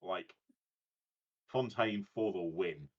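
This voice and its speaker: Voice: low-pitched, slow, lo-fi sound. A player teasing friends in casual chat.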